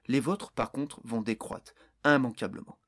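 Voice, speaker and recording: A man reading an audiobook voices a young male hero who answers an enemy with calm, mocking confidence. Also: mid-range voice, a little slow. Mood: defiant.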